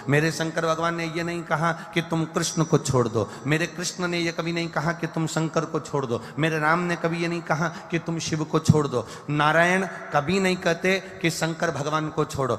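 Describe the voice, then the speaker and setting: A man's voice: a little high, fairly bright tone. A man preaching a devotional sermon, stressing his points through lists and repetition, and now and then singing verses over music. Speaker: religious storyteller. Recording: music bed in a reverberant hall.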